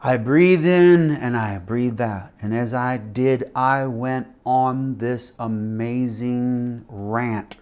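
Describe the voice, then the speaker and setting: A middle-aged man preaching a sermon, telling a personal story with animated delivery and shifts between loud and hushed. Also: mid-range voice, slow pace, hardly any pauses, clean tone. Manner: animated storytelling with acted quotes and shifting loudness. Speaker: missionary preacher.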